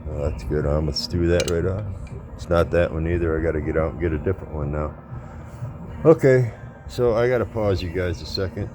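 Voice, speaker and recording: A man with a deep voice chatting casually to viewers as he works on his car, rambling and often apologizing about the camera. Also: brisk, noisy background. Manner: rambling, apologetic, talks to viewers while working. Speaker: vlogger working on his car. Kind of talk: casual DIY repair vlog. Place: garage or driveway, working on an engine. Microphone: phone camera set near him.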